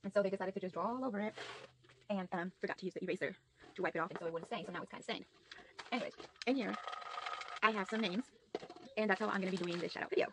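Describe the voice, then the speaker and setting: A woman vlogging casually to her phone camera at home, chatty and giggly, with many fillers and quick bursts of talk. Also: mid-range voice, background noise. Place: home, in front of a whiteboard.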